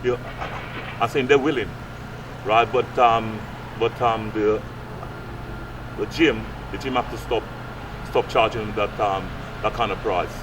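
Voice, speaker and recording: This Guyanese man in his late 60s mentors youth and coaches fitness, and here his voice is lowish and measured, fairly even in intonation, with frequent pauses. He's earnest and repetitive in a casual interview, tagging phrases with "right?". Recorded on a chest-held handheld mic on an urban street beside brick flats, the distant sound carries clear street noise.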